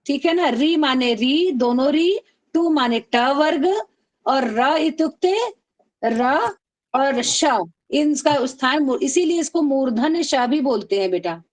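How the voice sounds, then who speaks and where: A woman teaching an online class, affectionately calling her students "beta" and chanting rules slowly for them to repeat. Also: high voice. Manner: calls students "beta", drills them call-and-response. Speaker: Sanskrit teacher.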